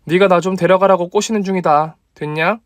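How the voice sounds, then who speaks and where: Brash young woman doc, as a man voices her, radio drama, higher than his own voice, dry. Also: steady tone, a little fast, no echo, lightly acted. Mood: bold teasing. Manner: teasing, pushy. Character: bold young woman doctor, blunt and tough.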